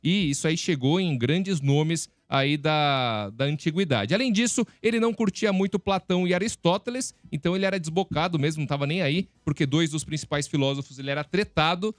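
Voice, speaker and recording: Teasing Brazilian radio host, dry sound. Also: male voice, fairly high pitch, brisk, hardly any pauses, no room sound. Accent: Brazilian Portuguese. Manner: teasing, explanatory, calls co-host "palhacinho". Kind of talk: casual chat. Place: radio studio.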